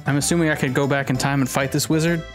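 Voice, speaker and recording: A man's voice: a little high, fairly even intonation, racing, over music. A man playing a video game, chatting casually, swearing and reading game text aloud. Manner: offhand, sweary. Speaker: let's play player.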